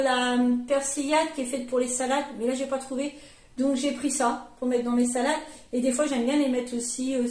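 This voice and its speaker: A woman's voice: sits high, a little mellow. Chatty woman in an echoey room. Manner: chatty, rambling, many fillers and self-corrections. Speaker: vlogger, mother. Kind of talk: casual grocery haul chat.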